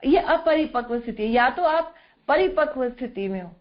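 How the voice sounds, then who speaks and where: A woman's voice: high voice, animated, moderate pace. A woman explaining scripture verses in an online class, asking rhetorical questions and checking in with her listeners as she goes. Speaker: devotional scripture teacher. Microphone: video call. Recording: dull lo-fi online call audio.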